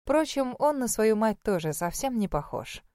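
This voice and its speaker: A woman narrating a fantasy romance audiobook in a measured, expressive way. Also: on the high side, no room sound, clean studio sound. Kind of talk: scripted narration.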